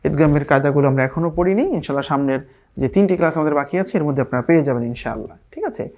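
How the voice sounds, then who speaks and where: A man leads a recitation lesson with a patient, repeating way of teaching. He chants each verse slowly and stretches it out, then drops back into plain explanation and asks the listeners whether they follow. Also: a little high, darkish tone. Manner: drawn-out Arabic recitation between plain explanations.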